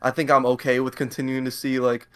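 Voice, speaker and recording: A man's voice: mid-range voice, monotone, fast talker, clean tone. A man in a casual chat who hedges and fills his speech with "like" and "uh". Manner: hedging, lots of fillers.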